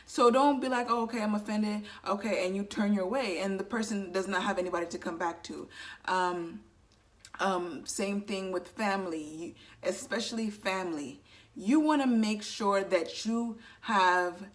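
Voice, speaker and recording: A woman's voice: medium pitch, moderate pace. Earnest, chatty young woman vlogger. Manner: earnest, chatty, full of "you know" asides. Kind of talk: casual advice talk to camera.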